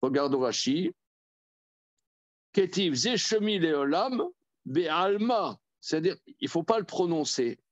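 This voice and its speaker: Higher-voiced rabbi teaching, halting. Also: male voice, lively intonation, dry recording, lo-fi sound. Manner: halting, repeats words, reads verses aloud and then explains. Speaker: rabbi teaching a Torah class. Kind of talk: Talmud study lesson.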